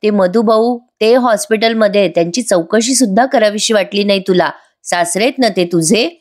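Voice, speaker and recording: A woman's voice: mid-range voice, normal speed, natural voice. A stern middle-aged father lecturing his grown son, read by a woman narrator. His lines come as reproachful scolding.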